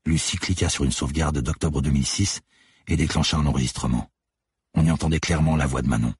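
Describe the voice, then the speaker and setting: A man narrating an audiobook thriller in a measured, even storytelling manner. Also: rumbling low, slightly rough, no room sound, studio quality. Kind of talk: scripted narration.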